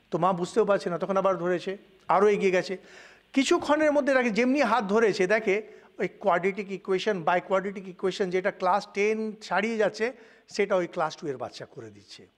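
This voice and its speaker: A man, an older monk from India with a Bengali accent, giving a spiritual lecture with animated storytelling and English words mixed in. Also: sits high.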